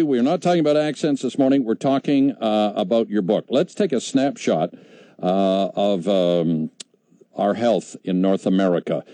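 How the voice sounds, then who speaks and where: A man's voice: on the low side, mellow, dry recording. A man co-hosting a radio talk show, joking and chatting with callers and guests in a folksy way. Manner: jovial, folksy, rambling.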